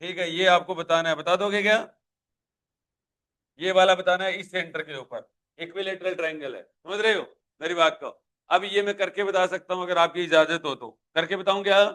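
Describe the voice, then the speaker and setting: A man's voice: high voice, steady tone, moderate pace, pushed and bright. A male physics teacher with a Hindi accent giving a live classroom lecture, questioning students and pushing them to answer aloud.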